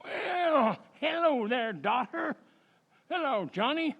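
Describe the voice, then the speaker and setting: A jolly, folksy old-timer from a radio comedy, with an extremely high voice. He takes his time, swinging widely in pitch. The recording is a little dull. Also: expressive, vocal fry, full character voice. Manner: drawn-out, folksy, chuckling. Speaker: amateur actor in a community playhouse radio recreation.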